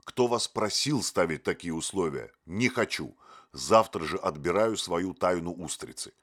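An irritable bohemian, played by a male narrator barks his lines in short, impatient bursts. The voice is deep and edged with annoyance. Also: lively intonation, unhurried, a bit bright, heavily acted. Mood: irritated. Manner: snappish, impatient.

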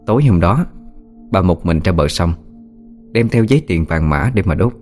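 A man reading a ghost story aloud in a slow, somber way. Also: low-pitched, expressive. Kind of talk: scripted horror story narration. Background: soft music with singing bowl.

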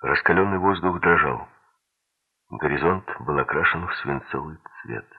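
Deep, gravelly, slow male narrator. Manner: steady, measured reading. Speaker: audiobook narrator. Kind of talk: scripted narration. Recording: tinny lo-fi audiobook recording.

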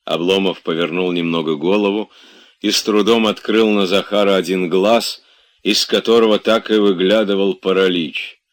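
A man with a very low voice reads a classic novel aloud. His narration is measured and expressive, steady in its storytelling pace.

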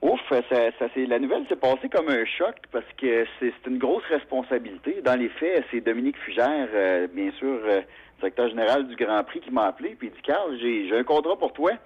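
A man's voice: medium pitch, fairly quick, slightly rough. Chatty Québécois man on lo-fi radio. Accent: Québécois French. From Quebec. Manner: chatty, animated storyteller with frequent fillers. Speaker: motorsport announcer, guest. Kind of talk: radio interview.

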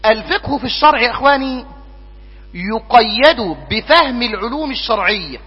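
A man with an Egyptian accent teaches Islamic jurisprudence in a lecture hall, asking the class questions and then answering them himself. His voice is high, breathy and expressive at a normal speed, ringing out with long reverb over a mains hum. The recording sounds muffled and lo-fi.

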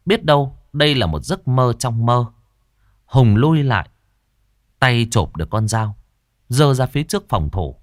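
A man narrating a horror story with suspenseful, expressive delivery. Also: mid-range voice, measured pace, long pauses, no echo, studio quality. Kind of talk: dramatic horror story reading.

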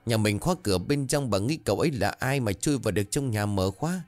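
A man playing a gruff old farmer husband. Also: fairly low pitch, expressive, fast, darkish tone, natural voice. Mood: stern. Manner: gruff, curt.

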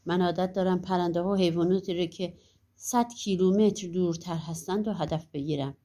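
A woman's voice: on the low side, steady tone, mellow, lightly acted. A woman voicing a boastful grown man, a far-seeing marksman, in a storybook.

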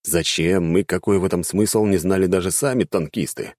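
A man narrating a fantasy war story with lively, dramatic delivery. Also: low-pitched, normal speed, no echo, clean studio sound.

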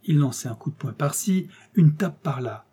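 A man narrating a classic adventure novel in the first person, with expressive, measured storytelling. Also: on the high side, husky. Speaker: audiobook narrator.

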